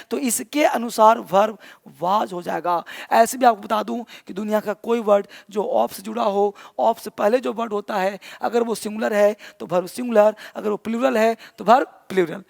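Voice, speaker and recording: Gravelly-voiced grammar teacher. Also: male voice, high voice, in a large hall. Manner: explains step by step, often addresses students as children. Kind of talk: online grammar class.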